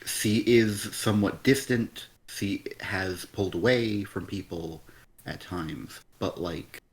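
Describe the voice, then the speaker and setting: A man's voice: on the low side, slow. Blunt, exasperated man reviewing comics. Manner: blunt, exasperated, swears often. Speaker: podcast co-host. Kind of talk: casual comic review chat.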